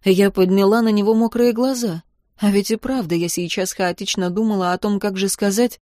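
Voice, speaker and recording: A woman reads a first-person audiobook in a calm, measured, expressive voice of middle pitch. The recording is dry and close, with no room around it. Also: no echo. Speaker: audiobook narrator.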